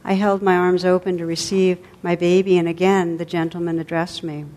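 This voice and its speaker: Gentle, low-voiced woman telling a story. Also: flat delivery, a little fast. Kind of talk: storytelling read aloud.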